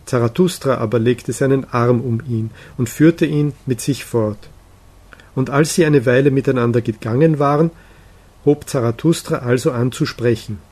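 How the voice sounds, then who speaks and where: A man narrating an audiobook as scripted literary narration, in a measured, solemn reading. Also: mid-range voice, a little mellow, breathy edge.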